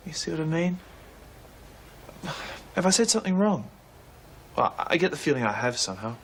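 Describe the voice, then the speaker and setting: An actor playing a friendly young man who gently coaxes a prisoner to open up, in a soothing, persuasive manner. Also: on the high side, big pitch swings, moderate pace, a little hiss or hum. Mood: coaxing. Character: friendly young male visitor, gentle and coaxing. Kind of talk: 1980s television drama acting.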